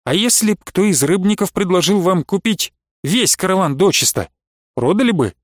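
A man's voice: high-pitched, lively intonation, moderate pace, no room sound, studio quality. A man voicing a wily older merchant who haggles, pleads and blusters. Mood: wheedling. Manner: bargaining, pleading, bursts of shouting.

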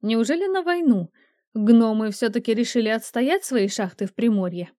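A woman's voice: on the high side, lively intonation, moderate pace, mellow, no room sound, clean studio sound, natural voice. A woman doing a purring, teasing young fiancée. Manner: purring, coy. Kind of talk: audiobook character voice.

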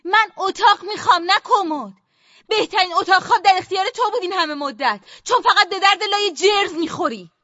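A woman's voice: very high-pitched, bright, forceful tone, no echo, muffled recording. An actress playing an indignant young woman arguing back at her sister. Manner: indignant, argumentative.

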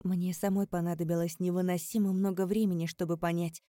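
A woman with a low, mellow voice reads a first-person audiobook. Her delivery is measured and steady, and the recording is close and dry. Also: no echo. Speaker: audiobook narrator.

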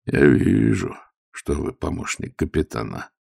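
A man voicing a dignified elderly retired rear admiral who speaks quietly and with calm composure. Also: extremely low pitch, measured pace, gravelly, breathy edge, no echo, studio quality, exaggerated voice.

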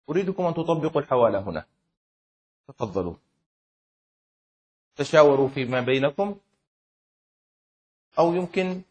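A man's voice: fairly high pitch, husky. A male sheikh teaching a class of students, often quizzing them and stretching key words for emphasis. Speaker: sheikh teaching Shafi'i law. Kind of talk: interactive classroom lesson.

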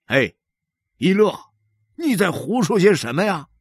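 Kind blacksmith guy talking softly to a kid, man reading it, bit husky, dry. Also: sits high, sing-song, unhurried, no room sound, pitched above the performer's own voice, heavily acted. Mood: coaxing. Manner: gentle, coaxing. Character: kindly adult man blacksmith.

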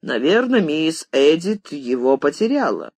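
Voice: mid-range voice, sing-song, measured pace, darkish tone, no room sound. The reader voicing a middle-aged housemaid, meek and deferential, but chatty, with folksy repeated phrases. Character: middle-aged maid, humble but sullen and talkative.

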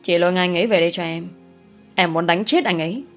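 A jealous, tearful young wife snaps out quick, heated lines in a storybook romance, as a woman narrator voices her. Her words come in short, sharp bursts. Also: lowish voice, faint music behind, lightly acted. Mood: angry.

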